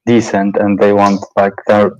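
A man calling into an online debate, speaking hesitantly with many pauses and fillers. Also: lowish voice, level tone, a little mellow, highs cut off. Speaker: caller.

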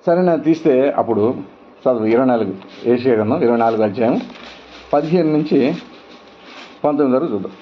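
A man's voice: mid-range voice, expressive, a little fast, long pauses. A middle-aged male pastor preaching a sermon with emphatic rhetorical questions. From India. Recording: dull lo-fi sound with faint noise.

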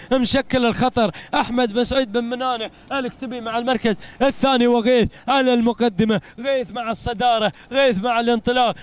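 A man with an Emirati accent giving live race commentary, excited and repeating phrases in rapid chanting bursts. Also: very high-pitched, smooth.

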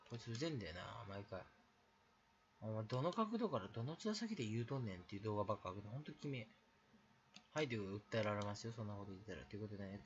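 Ranting young man, swooping animated voice. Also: fairly low pitch, dull audio. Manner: ranting, blunt and crude; talks alone to the mic in bursts. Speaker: aspiring game streamer. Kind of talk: late-night solo chat.

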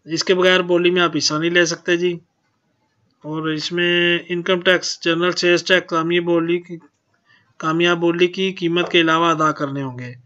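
A man's voice: fairly high pitch, flat delivery, moderate pace, pushed and bright, dull audio. A man hosting his own channel, plainly reading out auction notices and tacking a polite "ji" onto most sentences. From Pakistan. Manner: plain, repeats "ji" often. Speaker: channel host.

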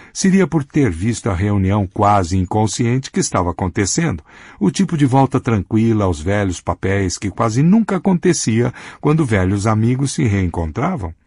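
Brief: male audiobook narrator, low husky voice, close and dry. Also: no room sound. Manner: expressive storytelling.

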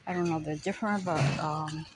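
Filming on a handheld phone from behind the camera, a toy shopping vlogger chats casually in brief, fragmentary remarks as she moves down a big retail aisle indoors. Her low-pitched voice is fast with fairly even intonation, and store music adds background noise.

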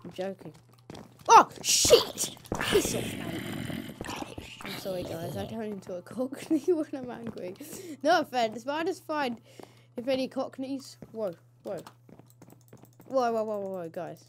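A woman hosting a casual let's play, excitable and swearing as she reacts to the game. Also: fairly high pitch, moderate pace, few pauses, background noise.

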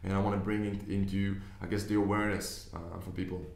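A young business investor from Israel, a first-language Hebrew speaker, chats to camera at his office desk. His low, fairly level voice has a flat delivery and a slightly fast pace, and he explains earnestly, often beginning sentences again. The echoey room is clearly audible.

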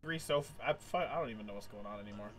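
A man's voice: lowish voice, very fast, fairly bright tone. A young man streaming a game, raging, swearing and laughing at himself. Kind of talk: casual gaming stream chat.

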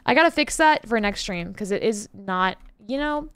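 Chatty woman streamer, smooth voice. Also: mid-range voice, lively intonation, moderate pace, a bit bright, no room sound. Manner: chatty, swears freely, talks to chat. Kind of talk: casual gaming chat.

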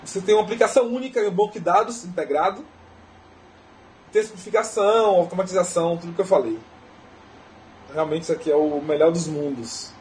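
High-voiced Brazilian man lecturing. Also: a little fast, long pauses, a little mellow, a little hiss or hum, poor audio. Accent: Brazilian Portuguese. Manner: conversational, often tags "né?" and restarts phrases. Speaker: technical lecturer. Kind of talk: technical lecture. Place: conference lecture hall.

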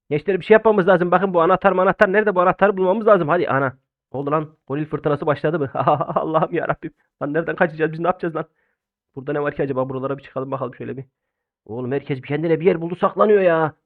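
A young man doing loud, exclamatory let's-play commentary while playing an online game, swinging between shouts and low muttering. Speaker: gaming YouTuber. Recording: phone-like narrow band.

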